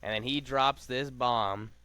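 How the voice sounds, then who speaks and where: A man's voice: mid-range voice, steady tone, bright, forceful tone, clear, resonant tone, no echo. A man co-hosting a podcast, chatting casually and slangily as he recaps a reality show. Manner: laid-back, slangy, talks fast with lots of fillers. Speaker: podcast co-host.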